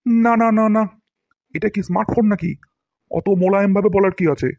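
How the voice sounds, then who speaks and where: Brisk and gravelly yet a little mellow, the voice of this scolding cartoon English teacher sits slightly high for a man. He boasts, lectures his pupils pompously, and hams up each demonstrated word. The recording is close and dry, with no room sound at all.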